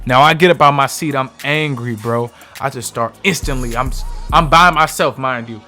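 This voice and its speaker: A man's voice: medium pitch, normal speed, sharp tone, soft background music. A young man telling a heated, profane storytime about his own night out. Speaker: vlogger. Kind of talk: casual storytime.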